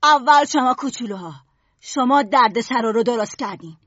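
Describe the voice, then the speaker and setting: A woman voicing Jack, a brash, aggressive boy who leads the hunters, shouting in a husky voice. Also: on the high side, animated, dry recording, lo-fi sound. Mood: taunting. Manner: shouting, taunting.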